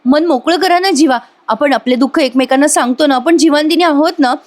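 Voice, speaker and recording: A woman's voice: high-pitched, a little fast, a little mellow, pitched above the performer's own voice, natural voice. A woman reading out the lines of a young wife who pleads with her husband through tears. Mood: pleading. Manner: pleading, tearful, urgent.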